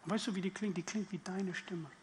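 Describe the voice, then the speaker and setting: High-voiced man preaching with energy. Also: brisk, a little hiss or hum. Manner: lively, addresses listeners directly with questions; acts out inner voices in quotes. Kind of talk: sermon.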